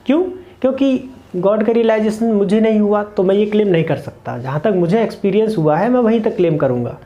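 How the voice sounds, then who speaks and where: Male meditation teacher, higher register and warm mellow tone, earnest and repetitive delivery to camera. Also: fairly quick. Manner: earnest, repeats points in short lists. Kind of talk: explanatory talk to camera. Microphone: camera mic, speaking to camera.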